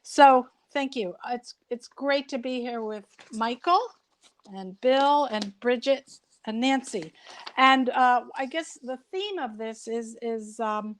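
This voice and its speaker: A woman's voice: on the high side, slow, a little hiss or hum. Chatty woman moderating by voice only. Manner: warm and chatty, with hesitant fillers. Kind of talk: panel moderation. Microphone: video call, audio only.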